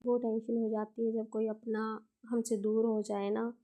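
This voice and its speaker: Young woman, casual vlog narration, chatty and homely, slightly high pitch, flat even delivery. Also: unhurried. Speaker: vlogger.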